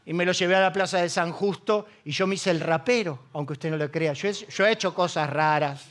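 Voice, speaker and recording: His voice is high, a bit bright, and a little fast. The speaker is a middle-aged Argentine pastor with a Rioplatense Spanish accent whose humorous sermon is filled with stories and questions put to the congregation.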